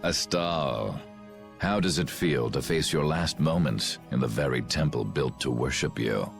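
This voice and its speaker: In a game cutscene with music behind it, an actor plays a cold, scheming, ruthless middle-aged commander who mocks his captives. His voice is extremely low, creaky and unhurried, a full character performance, delivered with cold gloating and mocking laughter.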